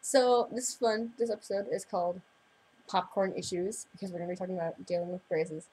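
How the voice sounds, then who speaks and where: Giggly rambling girl with a very husky voice. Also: mid-range voice, fairly even intonation, a little fast, mellow, rough recording. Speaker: vlog host. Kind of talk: casual chat.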